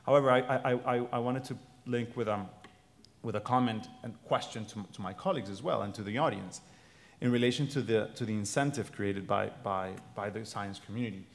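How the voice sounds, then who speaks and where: A low, gravelly-voiced man speaks as a panelist, stumbling over repeated words as he gathers his thoughts. His voice carries a long reverb from the hall around him. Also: fairly quick. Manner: hesitant, repeats words often while searching for phrasing. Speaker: panelist, political scientist. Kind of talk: answering audience questions on a panel.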